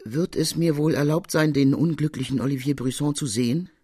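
A man's voice: on the high side, a little fast, darkish tone, breathy edge, no echo, clean studio sound, voice pushed up. A man voicing an earnest noble lady who pleads in breathless, appalled outcries.

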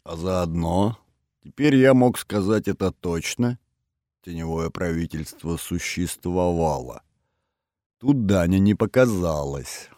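A man's voice: low-pitched, lively intonation, slow, warm tone, no echo, clean studio sound. A man narrating a first-person audiobook in a wry, ironic storytelling manner.

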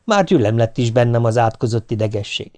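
A man reading a humorous first-person audiobook, telling the story in a wry, animated way. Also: medium pitch. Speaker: audiobook narrator.

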